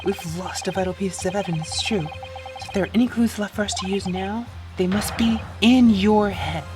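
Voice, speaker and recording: A woman voicing a calm, composed young legal assistant in a fan game dub, speaking softly and steadily. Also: medium pitch, moderate pace, music in the background, natural voice.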